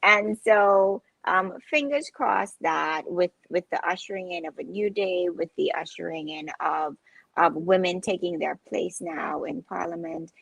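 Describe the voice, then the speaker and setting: A woman's voice: lowish voice, measured pace, vocal fry, a bit bright, slightly rough, no room sound, lo-fi sound. A woman hosting a casual interview, encouraging her guest with frequent affirmations. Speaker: host.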